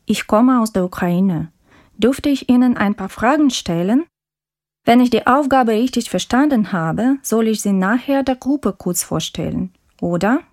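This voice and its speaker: A woman playing a friendly language-course student who interviews a classmate in a scripted textbook dialogue, speaking politely with clear, careful diction. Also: fairly high pitch, animated, a little slow, darkish tone. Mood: friendly, curious.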